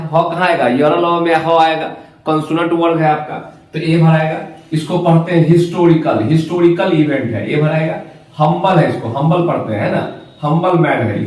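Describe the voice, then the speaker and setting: A man's voice: a little high, a little mellow, distant mic. A man teaching an English class, repeating words and asking the class questions as he drills them. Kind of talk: classroom lesson. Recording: very echoey room, voice from afar.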